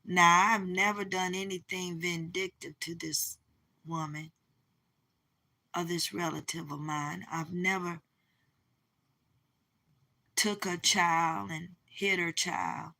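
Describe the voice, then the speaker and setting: A woman who is losing her voice, speaking in a slow, heartfelt way and often repeating herself for emphasis as she shares a personal story. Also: lowish voice, level tone, vocal fry, sharp tone. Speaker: vlogger. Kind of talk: personal testimony to camera.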